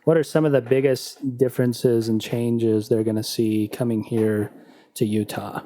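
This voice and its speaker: Mellow-voiced man asking a podcast question. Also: medium pitch, level tone, a little slow. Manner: questioning, searching for words. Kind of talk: casual podcast chat.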